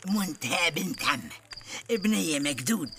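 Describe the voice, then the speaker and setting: An actress with a southern Tunisian accent playing a stubborn mother who argues insistently with her husband and breaks into shrill outbursts. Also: animated, normal speed, noisy background. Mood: quarrelsome. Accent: southern Tunisian Arabic. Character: meddling middle-aged mother, stubborn and sharp-tongued. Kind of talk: radio drama acting.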